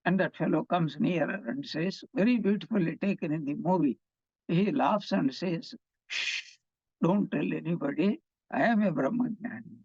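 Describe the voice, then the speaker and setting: A man's voice: fairly high pitch, normal speed, vocal fry, darkish tone, slightly rough, no echo. A man, a monk, giving a conversational scripture class, telling stories and asking rhetorical questions. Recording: slightly dull, muffled sound.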